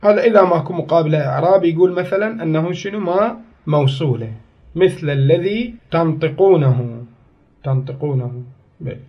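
Iraqi man, high voice, teaching grammar; dictates slowly and repeats himself; muffled lo-fi sound. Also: lively intonation. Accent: Iraqi Arabic. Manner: repeats phrases slowly for students to write down. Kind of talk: classroom grammar lesson.

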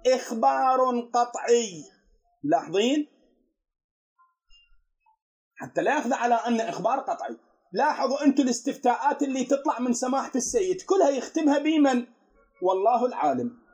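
A man's voice: extremely high pitch, fast, darkish tone. A man with an Iraqi Arabic accent, a cleric giving a religious lesson to students, explaining and posing rhetorical questions to his audience.

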